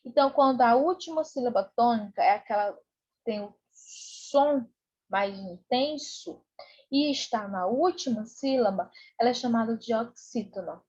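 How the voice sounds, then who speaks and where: A woman's voice: fairly high pitch, expressive, moderate pace, a little mellow, slightly rough, dull audio. A Brazilian woman teacher giving an online lesson for children, patient and repetitive, checking in often. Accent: Brazilian Portuguese. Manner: patient, repeats with "né?" and "tá bom?".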